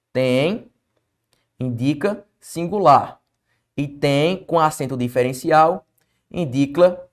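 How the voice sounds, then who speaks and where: Emphatic Brazilian Portuguese teacher. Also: male voice, a little high. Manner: emphatic, asks and answers his own questions. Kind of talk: exam prep lesson.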